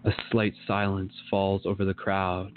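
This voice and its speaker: A man leading a guided meditation in a slow, soothing manner, speaking to the listener in the second person. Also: low-pitched, completely flat delivery, narrow, tinny audio, slight background noise.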